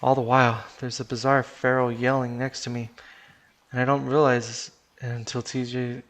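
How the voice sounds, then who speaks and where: On a live stream, a man tells a first-person story in a casual, rough way, cursing occasionally and backing up to restart sentences. His voice is middle-pitched for a man, a bit bright, with little pitch movement and a normal speed.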